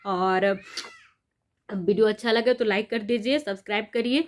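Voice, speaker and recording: A woman's voice: medium pitch, fairly even intonation, moderate pace. A young woman vlogger speaking passionately and indignantly to her viewers, recounting an incident. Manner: impassioned, indignant, addresses viewers directly. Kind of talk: emotional first-person vlog recounting an incident.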